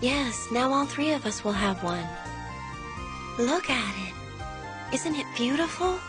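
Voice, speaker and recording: A calm, polite schoolgirl. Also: sits high, measured pace. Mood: gentle. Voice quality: quiet, formal, gentle manner. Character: polite, calm teenage schoolgirl, softly formal. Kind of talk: anime dub acting. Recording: music playing behind the voice. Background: music.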